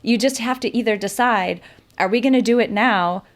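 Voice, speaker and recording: A young woman hosting a podcast, talking fast and eagerly in casual chat with her guest. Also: a little high. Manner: quick, energetic, filler-heavy talk. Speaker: podcast host.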